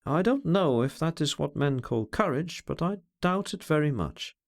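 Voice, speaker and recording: A man reading aloud, voicing a brooding, bitter man who talks over his feelings in an introspective, measured way. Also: a little high, expressive. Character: brooding, scornful, self-searching man.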